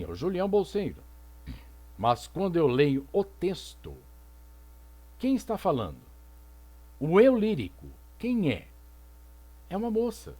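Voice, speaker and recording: A man's voice: a little high, warm tone. A male literature teacher giving a recorded lecture, reading poems aloud and posing rhetorical questions that he then answers. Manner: didactic, asks rhetorical questions and answers them; reads poetry aloud slowly.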